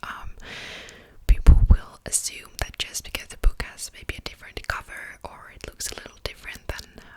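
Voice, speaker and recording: A woman in a whispered role-play as a patient, helpful librarian, speaking in a soft, breathy library whisper with an unhurried, explanatory manner. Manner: unhurried, explanatory, gently attentive. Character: patient, helpful female librarian serving a borrower. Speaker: ASMR performer playing a librarian.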